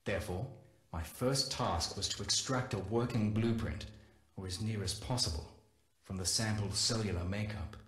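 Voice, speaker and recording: A low-voiced male scientist, played by a man, recounts his journal entries in a measured, solemn way. The delivery is steady and sober, like a recorded game log, and the voice rings out in a roomy space. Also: natural voice. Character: Corpus scientist recounting a wild animal. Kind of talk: scripted game audio-log narration.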